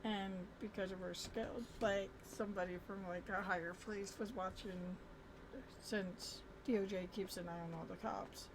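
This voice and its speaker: A woman's voice: mid-range voice, fairly even intonation, moderate pace, background noise. A woman telling a roleplay character's story in a casual, rambling, informal way while gaming. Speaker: game streamer narrating roleplay character's story.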